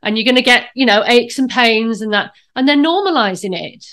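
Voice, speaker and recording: Woman, fifties, brightish higher voice, animated and emphatic, video-call guest. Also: fairly quick. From Britain. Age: 50s. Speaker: guest, personal trainer. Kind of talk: casual interview chat. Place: home room, indoors, on a video call.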